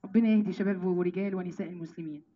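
A woman with an Egyptian accent giving an emphatic religious lesson to women, calling them sisters and slowing down to recite verses. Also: on the low side, dull audio. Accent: Egyptian Arabic. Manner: lively, emphatic, addresses listeners as sisters, slows down to recite verses. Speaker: Quran teacher.

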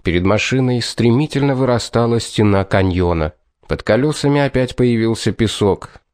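A man's voice: medium pitch, moderate pace, darkish tone, dry recording. Man narrating an audiobook in a dry voice. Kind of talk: scripted narration.

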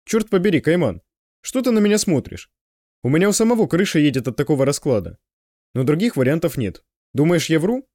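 A man's voice: on the high side, sing-song, a little fast, warm tone, dry recording, clean studio sound, pitched above the performer's own voice. Man doing a firm, defensive stalker. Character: male stalker, insistent time-traveller.

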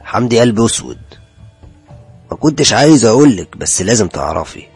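A man voicing a sly young man, his cousin's friend, who talks in a slow, smooth, teasing way with an Egyptian accent, in a horror story reading. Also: lowish voice, very animated, darkish tone, soft background music, voice pushed down, heavily acted. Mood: earnest.

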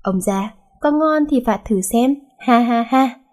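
A woman's voice: a little high, slow pace, a little mellow. A woman voicing a cheeky, carefree young woman with a teasing manner. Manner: cheeky, laughing.

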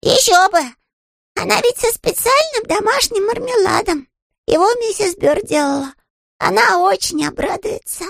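Paddington, a squeaky eager little bear. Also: moderate pace, vocal fry, a bit bright, no room sound, studio quality, full character voice. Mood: delighted. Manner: eager, innocent and very high. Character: small polite young male bear, earnest. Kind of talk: audiobook character voice.

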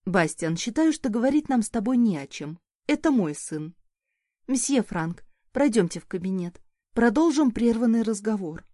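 A woman's voice: a little high, expressive, moderate pace, dark tone, no echo, clean studio sound. A woman reading an audiobook, voicing a young mother who answers sharply and defiantly in a raised voice. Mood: scornful.

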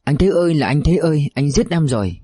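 A man's voice: a little high, lively intonation, fast, warm tone, breathy edge, no room sound, clean studio sound. A man voicing a young woman in labor who cries out and laments, in a storybook reading. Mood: anguished. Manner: crying out, lamenting.

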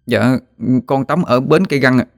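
A man voices a frightened young village boy who stammers in panic, pitching his voice above his own natural one while keeping it close to an everyday sound. The voice is mid-range at a normal speed, recorded dry with clean studio sound.

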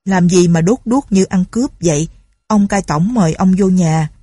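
A woman's voice: fairly low pitch, normal speed, warm tone, breathy edge, no echo, studio quality. A woman voicing a timid, frightened old male servant who frets and pleads. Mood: gruff. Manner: pleading, fretful.

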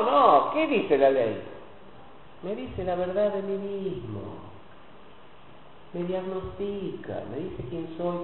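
Animated Rioplatense pastor in an echoey hall. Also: male voice, a little high, slight background noise. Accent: Rioplatense Spanish. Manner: colloquial, repeats words for emphasis, asks the congregation questions. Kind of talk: evening church sermon. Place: church hall. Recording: echoey hall over a tinny phone-like line.

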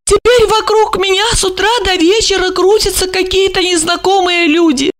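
A woman's voice: very high voice, fairly even intonation, moderate pace, pitched above the performer's own voice. A woman voicing a rich widowed woman who is theatrical and self-pitying, talking in an affected way with sighs and exclamations. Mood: plaintive.

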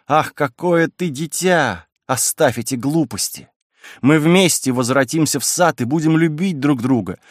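A man voicing a wild, passionate young woman, raising his voice to sound higher and speaking with a pleading, impassioned manner in a dry room. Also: unhurried, no echo, close to an everyday voice. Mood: defiant.

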